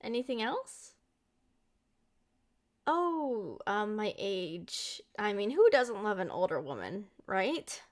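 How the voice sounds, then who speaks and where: The vampire girlfriend, old in years though young in looks, explains things playfully to the listener at a slow pace. The woman's mid-range voice carries the sweet, affectionate, expressive manner of the ASMR roleplay.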